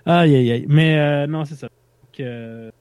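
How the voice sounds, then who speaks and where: Chatty Québécois man, fairly high voice. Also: slow pace, a little mellow, smooth, no room sound. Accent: Québécois French. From Quebec. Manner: loose, chatty, laughs easily. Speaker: podcast co-host. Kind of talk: casual podcast chat.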